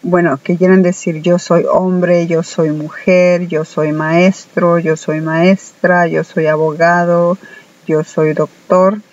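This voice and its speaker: A woman whose first language is Spanish teaches English at an unhurried pace, her pitch staying flat and even. She pauses often with soft "ah" sounds between examples. The recording has a slightly dull, lo-fi quality. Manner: slow, deliberate, many hesitant "ah" fillers. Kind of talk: recorded online language lesson.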